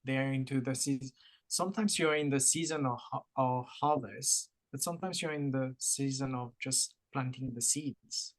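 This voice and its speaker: This man's voice sits at medium pitch and moves at a normal speed. Co-hosting a podcast with a French-Mauritian accent, he keeps things casual and motivational, leaning on analogies and repeating points to encourage listeners.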